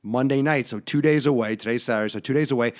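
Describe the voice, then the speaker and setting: A man with a hoarse, failing voice hosting a casual fitness livestream in a brash, profane, jokey way. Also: medium pitch, fast talker. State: hoarse, losing his voice from being sick. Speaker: fitness show host.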